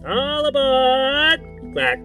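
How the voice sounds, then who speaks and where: A man's voice: very high-pitched, sing-song, extremely slow, over loud music, voice pushed up, heavily acted. A man doing a quacking clockwork train automaton. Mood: announcing. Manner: stiff, formal announcer delivery with quacks. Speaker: game master. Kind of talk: tabletop game voice acting.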